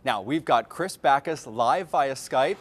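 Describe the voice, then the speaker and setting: A man's voice: medium pitch, lively intonation, measured pace, breathy edge. A man presenting a live TV bingo show as co-host in a polished, upbeat announcing style. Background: music behind the voice.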